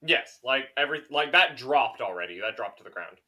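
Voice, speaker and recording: A man's voice: medium pitch, a little fast. A man narrating as game master of a tabletop game, playful and profane as he describes the scene. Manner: animated, swearing, playful.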